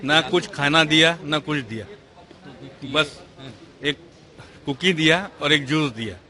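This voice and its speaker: A man's voice: fairly high pitch, takes it slowly, bright, forceful tone. A man, a stranded air passenger, giving a detailed, aggrieved step-by-step account in an on-the-spot news interview outside an airport terminal.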